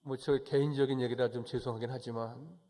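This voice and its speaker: A male pastor giving a Sunday sermon, moving from calm, chatty explanation to forceful, raised exhortation. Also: medium pitch, brisk.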